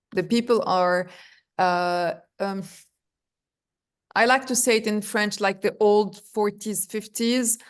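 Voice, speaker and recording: Woman searching for words. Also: medium pitch. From Lebanon. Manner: searching for words, restarts, animated. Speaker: podcast guest, speaker association head. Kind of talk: conversational interview.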